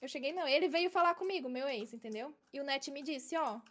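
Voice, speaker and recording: A woman's voice: high voice, quick pace, fairly bright tone. A young woman casually telling a long personal story, often adding "entendeu?" to check her listeners follow. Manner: chatty, keeps adding "entendeu?".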